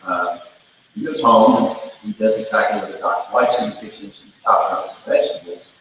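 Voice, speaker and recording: A man's voice: fairly low pitch, brisk, fairly bright tone, a little hiss or hum. A man preaching a sermon in a folksy, conversational storytelling way, in a church sanctuary. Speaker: pastor. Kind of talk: sermon with a joke. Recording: echoey church hall from far off.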